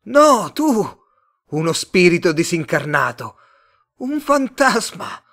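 Brief: ghostly polite Martian man, high airy tone, stretched-out slow words. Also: big pitch swings, gravelly, a bit bright, full character voice. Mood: alarmed. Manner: high, drawn-out and strange-sounding. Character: gentle translucent male Martian, wondering and polite. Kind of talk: audiobook character voice.

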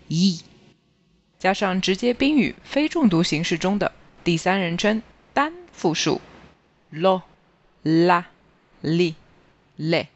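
A language teacher reading a scripted grammar review slowly and carefully, pausing on each listed word. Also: medium pitch, dull audio. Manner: slow, even, careful reading of word lists. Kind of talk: scripted grammar lesson narration.

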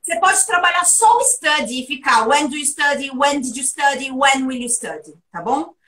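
A woman giving a private English lesson, lively and playful as she runs question drills. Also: high voice, moderate pace, recorded from a distance. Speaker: English teacher.

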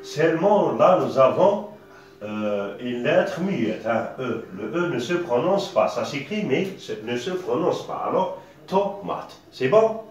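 Slow, patient teacher in an echoey room. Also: male voice, mid-range voice, sing-song. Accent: Algerian French. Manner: patient, spells out syllables, many hesitations. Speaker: primary school teacher. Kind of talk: slow classroom-style reading lesson. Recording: echoey room, distant dull mic.

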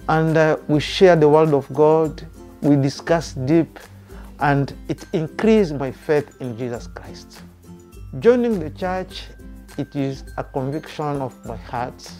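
A man, speaking a careful, halting personal testimony indoors. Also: fairly high pitch, dark tone, faint music behind. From Democratic Republic of the Congo. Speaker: church member. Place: indoor room by a window.

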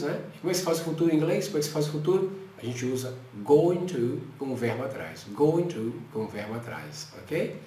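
A Brazilian man teaching an English lesson, explaining in Portuguese and slowly repeating English phrases for the learner. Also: fairly high pitch, darkish tone, echoey room. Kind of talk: language lesson.

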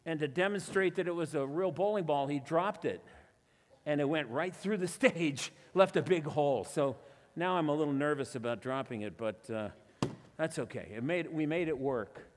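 A man's voice: on the high side, normal speed, big-room sound. A man performing stage illusions with a volunteer before a live church audience, chatty and self-deprecating with playful asides. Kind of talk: live magic show patter with audience volunteer.

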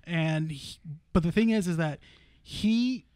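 A man's voice: fairly high pitch, slow pace, dry recording, studio quality. A man in his late twenties co-hosting a podcast, chatting casually and rambling with lots of fillers. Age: 20s. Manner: rambling, filler-heavy, animated storyteller. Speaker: podcast co-host. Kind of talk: casual chat.

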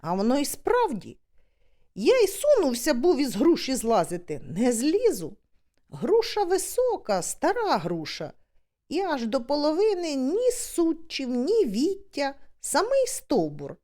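A woman reading a humorous story aloud as an audiobook, with lively, expressive storytelling. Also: high voice, measured pace. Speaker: audiobook reader.

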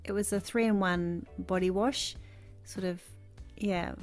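Speaking slowly in a darkish mid-range voice with fairly even intonation, a vlogger in her thirties chats over her shopping footage. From her bedroom, with faint music behind, she gushes and rambles casually.

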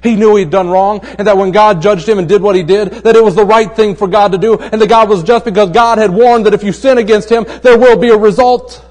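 A pastor with a notably high male voice delivers a relaxed, conversational sermon. He mixes easy joke-telling with pointed rhetorical questions. He often drops to a hushed tone to press a point home. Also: a little fast, few pauses, in a large hall. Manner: tells jokes in a relaxed storytelling way.

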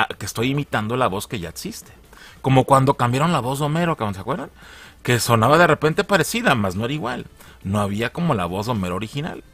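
A man's voice: mid-range voice, a bit bright, no echo. A man with a Mexican Spanish accent hosting a casual film news commentary, slangy and laughing often. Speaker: channel host.

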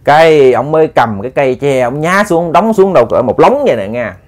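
A man telling a ghost story in a chatty, halting way, often repeating words. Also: a little high, animated, darkish tone. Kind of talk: casual spoken storytelling.

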